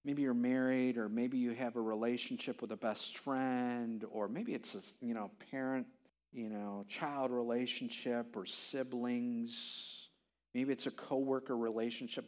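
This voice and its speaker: A man in his fifties preaching a conversational sermon as a pastor, telling stories with animated swings and frequent halting restarts. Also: mid-range voice. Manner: animated storytelling, voice leaps up when reenacting his own pleas; halting restarts and repeated words.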